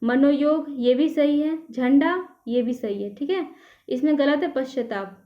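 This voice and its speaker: A woman's voice: sits high, unhurried. A woman teacher taking a class through an exam prep lesson, patiently checking each answer option in turn. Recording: echoey room, slightly dull sound.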